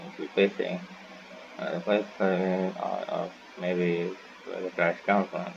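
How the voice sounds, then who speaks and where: A deep-voiced male streamer speaks slowly, with vocal fry and little pitch movement, as he rambles casually through a game and often mutters to himself. The background is noisy, game music plays behind him, and the mic sounds slightly dull.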